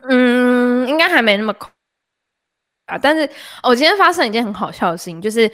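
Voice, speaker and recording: A young woman hosts a casual podcast with a Taiwanese Mandarin accent, spinning an anecdote with fillers and laughter. Her voice sits high and leaps around with lively swings. The sound is dry and close. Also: brisk, no echo. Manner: animated, laughs mid-story, lots of fillers. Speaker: podcast host. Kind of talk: casual storytelling chat.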